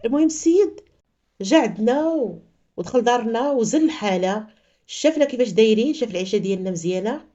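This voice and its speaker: A woman with a Moroccan accent narrating a story in an expressive storytelling style. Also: on the high side, fast, lo-fi sound. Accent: Moroccan Arabic.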